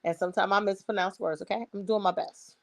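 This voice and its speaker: A woman's voice: mid-range voice, steady tone, fast talker, gravelly. A woman with a Brooklyn accent giving opinionated commentary, speaking emphatically and informally. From Brooklyn, New York. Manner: emphatic, rhetorical questions, swearing.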